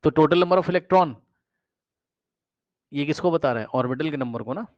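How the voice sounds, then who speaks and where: Male chemistry tutor, higher-pitched, drills students with repeated questions, dry lo-fi recording. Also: a little slow, a little mellow, dry recording. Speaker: chemistry teacher. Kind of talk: exam-prep lecture.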